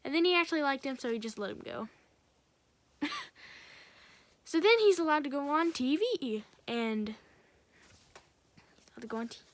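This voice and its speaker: A woman with a slightly raised pitch talks through a film's story as a casual reviewer. She rambles, restarts and links every beat with "and then", keeping it loose and conversational. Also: lively intonation, normal speed, long pauses, no echo. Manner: rambling, strings events together with "and then". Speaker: film reviewer. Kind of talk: casual film recap.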